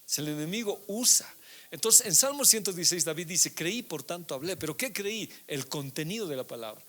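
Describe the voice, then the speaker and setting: A man's voice: sits high, expressive, a little fast, a bit bright. A middle-aged male pastor giving a conversational sermon, often checking in with his listeners through short tag questions.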